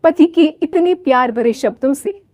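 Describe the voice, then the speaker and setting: A woman's voice: high-pitched, animated, normal speed, a little mellow, dry recording. A woman narrating a comic family story in a playful, self-correcting manner.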